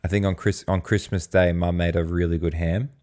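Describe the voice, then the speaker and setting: A man's voice: low voice, flat delivery, fairly quick, a little mellow. An Australian man hosting a podcast in casual chat, asking short, easygoing questions. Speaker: podcast host.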